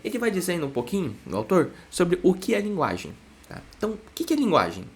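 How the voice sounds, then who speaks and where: A man's voice: high-pitched, huge pitch swings, quick pace. A young man, a psychologist giving a casual explanatory lesson, full of "né?" checks with his listeners. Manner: chatty, constant "né?" tag questions.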